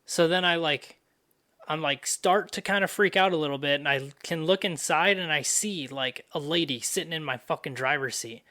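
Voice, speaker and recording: A man's voice: a little high, normal speed, sharp tone. A young man hosting a podcast, telling a story in a loose, profane, casual way full of fillers. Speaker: podcast host.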